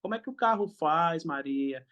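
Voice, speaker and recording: A man's voice: fairly high pitch, animated, moderate pace, fairly bright tone, muffled recording. A young man, a father, speaking in a casual interview in a hesitant, thoughtful way with frequent restarts.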